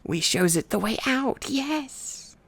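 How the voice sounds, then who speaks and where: A man voicing Gollum-like storybook cave creature, wheedling and hungry, with a hissing, whispery rasp and broken, muttering speech. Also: extremely high pitch, lively intonation, a bit bright, voice pushed up, full character voice. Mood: hungry, menacing. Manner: broken grammar, drawn-out muttering to itself. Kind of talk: storybook character voice in ASMR reading.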